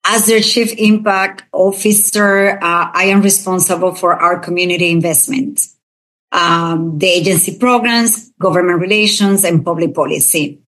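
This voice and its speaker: A woman's voice: lowish voice, steady tone, moderate pace, fairly bright tone. Earnest Dominican-born woman giving an interview. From Dominican Republic. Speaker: interview guest. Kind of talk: conversational interview.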